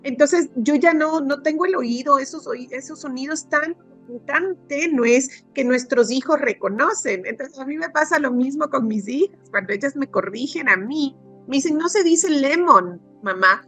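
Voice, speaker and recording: A woman in her forties hosts an interview in a lively, chatty way. Her voice sits high and sounds bright. Soft music runs faintly underneath. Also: normal speed. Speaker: immigration consultant host. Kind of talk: casual interview chat.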